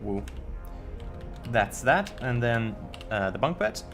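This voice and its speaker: A young man from Finland, speaking with a Finnish accent, stumbles through casual chat as he builds on a game live stream. His voice is mid-range, slightly bright, and sing-song, his pace slow, with soft music behind him.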